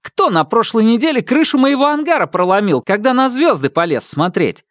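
A man's voice: big pitch swings, takes it slowly, darkish tone, dry recording, studio quality. A man voicing a hot-headed young male inventor who rants in a raised, indignant voice. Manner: shrill, ranting, indignant.

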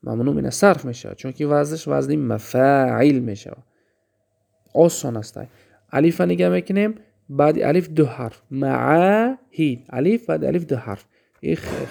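Gravelly man teaching a grammar lesson. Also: a little high, dark tone. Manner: drills example words slowly, asks and answers his own questions.

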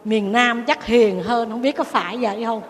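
A Buddhist nun, giving a lively storytelling sermon to an audience. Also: female voice, a little high, normal speed, heavy background noise. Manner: animated storytelling, addressing the audience. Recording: long hall reverb.

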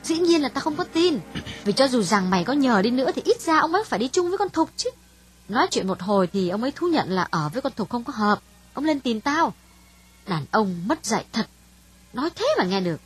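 A woman voicing a frank, worldly young woman in an audiobook, speaking bluntly to a friend in a husky voice. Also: fairly high pitch, sing-song, fairly quick, soft background music. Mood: earnest, candid. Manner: frank, dismissive storytelling. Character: calm, worldly young Vietnamese woman, older sister.

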